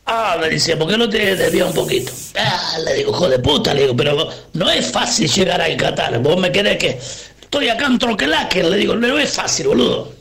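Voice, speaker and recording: A man's voice: on the high side, animated, fairly quick, few pauses, a crowd in the background. A man playing a crude, rambling Argentine bloke stuck on the road, in a comic radio phone-in bit with an Argentine accent. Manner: rambling, swearing, slips into rough shouting.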